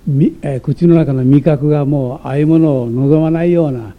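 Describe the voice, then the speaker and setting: Over phone-quality sound, a man with a slightly high, brisk voice lectures by reading text passages aloud and explaining them. He hesitates often, corrects himself, and keeps adding side remarks.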